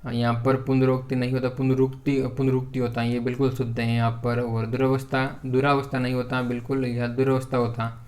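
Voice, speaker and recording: Man teaching a flat-toned grammar lesson. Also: medium pitch, fairly quick. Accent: Hindi. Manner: hesitant, many "uh" fillers and restarts; repetitive corrective phrasing. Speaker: exam prep teacher.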